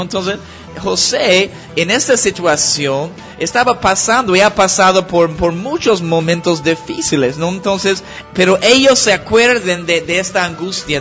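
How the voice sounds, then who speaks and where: Man, preacher, sermon, high voice, earnest, halting, dull lo-fi recording, faint music behind. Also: pushed and bright. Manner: earnest, halting with many restarts.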